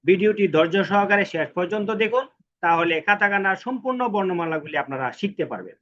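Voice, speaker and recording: A man teaching a language lesson, chanting syllables in slow repetition and asking and answering his own questions. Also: high-pitched, lively intonation, fairly bright tone, dull audio. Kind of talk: recorded alphabet lesson.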